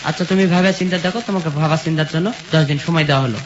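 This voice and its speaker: A man's voice: fairly high pitch, rapid-fire, a crowd in the background. A young man from rural Bangladesh telling his life story as a guest, in plain colloquial speech, quoting conversations as he goes. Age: young adult. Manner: plain colloquial village speech, recounting step by step. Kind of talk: personal storytelling in an interview, quoting dialogue. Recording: dull sound with steady sizzling noise.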